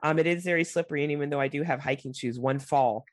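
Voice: mid-range voice, quick pace, no room sound, studio quality. A podcast co-host chatting casually and jokingly, with a nasal voice stuffed up by a cold. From Canada. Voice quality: nasal, congested voice. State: has a cold.

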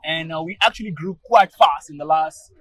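A man's voice: on the high side, moderate pace, fairly bright tone, breathy edge. A man from Togo with a Togolese accent, talking casually as an interview guest in an emphatic way, often repeating words and checking in with "right?". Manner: emphatic, repeats words, tags phrases with "right?" and "you know". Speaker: podcast guest, public speaking group organizer.

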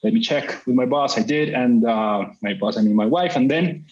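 A man's voice: medium pitch, normal speed, darkish tone. A middle-aged man from Colombia, a company CEO telling his story in an interview, talkative and full of "you know" fillers and restarts. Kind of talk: business interview. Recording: slightly muffled sound.

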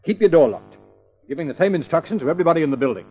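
An actor playing a police detective sergeant who questions people curtly and brusquely. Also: male voice, on the high side, lively intonation, racing, warm tone, breathy edge, lo-fi sound, faint music behind. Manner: curt, brusque. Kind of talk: 1940s radio acting.

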